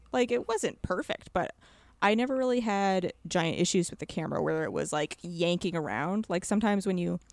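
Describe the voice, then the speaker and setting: A podcast co-host chats casually about video games, reviewing them with emphatic enthusiasm. Her voice is mid-range and creaky, and there's no room sound.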